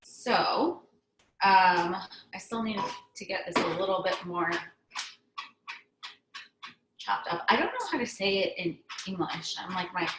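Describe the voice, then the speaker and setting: A young woman whose first language is Hebrew chats enthusiastically while teaching a casual cooking class in her home kitchen, full of ums and restarts. Her mid-range voice is animated but a little slow, with frequent pauses. The sound is reverberant and buried in heavy background noise.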